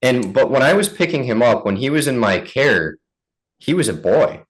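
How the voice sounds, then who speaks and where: A father giving an interview, recounting events in a measured, earnest way. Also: medium pitch, lively intonation, rough recording. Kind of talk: interview answers.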